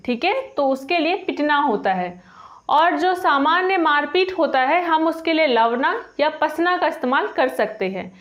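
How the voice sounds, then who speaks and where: A woman teaching a spoken grammar lesson, patiently repeating each example and slowing down on the example phrases. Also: high voice, a bit bright, dull audio. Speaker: language teacher.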